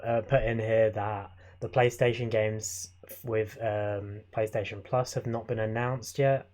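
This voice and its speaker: A man's voice: on the low side, little pitch movement, a little slow, a little mellow. A young man co-hosting a casual chat podcast, joking and teasing, often laughing. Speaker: podcast co-host.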